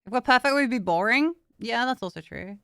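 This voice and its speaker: A woman's voice: fairly high pitch, animated, fairly quick, a bit bright, smooth, dry recording, studio quality. A woman streamer chatting casually with viewers, tired and in pain, talking frankly and swearing now and then.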